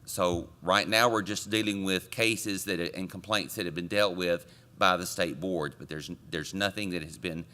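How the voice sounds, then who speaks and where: A man chairing a committee, delivering a conference report from a podium microphone with relaxed joking asides to the audience. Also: low-pitched, normal speed, hardly any pauses. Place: conference meeting room.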